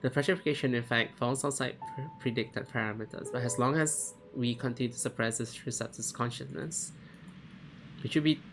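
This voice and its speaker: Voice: medium pitch, a little fast, natural voice. A streamer as a gloating, clinical researcher over music. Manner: clinical, self-satisfied. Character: cold, gloating researcher doctor. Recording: music behind the voice.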